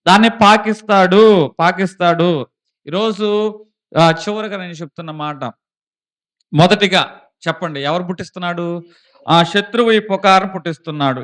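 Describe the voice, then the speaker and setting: A male pastor with a Telugu accent delivers a sermon, quizzing his congregation and then swelling into emphatic declarations. His voice sits high and rings bright and forceful. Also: lively intonation, fairly quick, long pauses. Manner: preaching with rising emphatic bursts and questions to the congregation.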